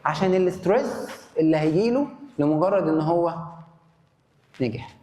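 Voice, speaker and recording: An animated man with an Egyptian Arabic accent gives a conference talk in an echoey hall, his voice a little high and his pace moderate. He asks the audience questions and answers them himself, with faint noise on the recording.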